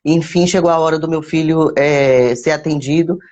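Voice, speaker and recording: A woman's voice: low-pitched, fairly even intonation, normal speed, warm tone, muffled recording. A woman telling her personal faith testimony to live viewers. She repeats words and phrases for emphasis and calls out to viewers by name. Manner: addresses viewers by name mid-story. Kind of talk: personal testimony, casual storytelling.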